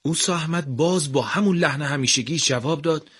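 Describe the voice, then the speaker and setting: A man narrating a scripted radio story in an even, measured way. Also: a little high, husky.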